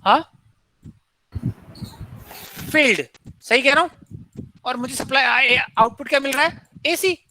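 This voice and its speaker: Bright, high-voiced male engineering lecturer. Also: measured pace, long pauses, a little hiss or hum, rough recording. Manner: asks and answers his own questions, mixing English terms. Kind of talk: classroom lecture, questioning students.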